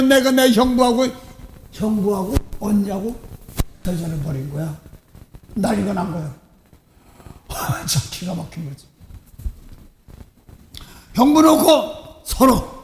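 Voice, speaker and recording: A man's voice: very high voice, reverberant, slight background noise. A middle-aged male pastor preaching a dawn service sermon, telling a personal story with acted-out voices and frequent laughs. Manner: animated storytelling, acting out voices; self-deprecating, laughs often. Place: church sanctuary.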